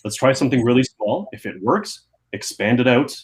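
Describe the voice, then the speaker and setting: A man's voice: mid-range voice, animated, normal speed, rough recording. A man speaking earnestly as a guest in a casual panel discussion.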